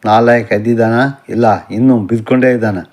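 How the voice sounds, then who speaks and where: A man voicing a harsh, stern older father in an audiobook novel, grumbling gruffly. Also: medium pitch, steady tone, fairly quick, a little mellow, natural voice. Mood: contemptuous.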